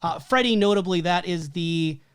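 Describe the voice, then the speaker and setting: A podcast co-host reads his prepared film analysis methodically, listing details and often saying "um" and "like," while his voice is giving out. His voice sits high at a normal speed, with a fairly bright, clear, resonant tone. The recording is clean studio sound with no room noise.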